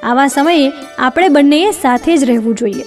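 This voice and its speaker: A woman's voice: sits high, normal speed, close to an everyday voice. A woman reading the lines of an exiled king, speaking in a consoling, earnest way. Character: exiled king, steady and comforting. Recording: distant mic, faint music.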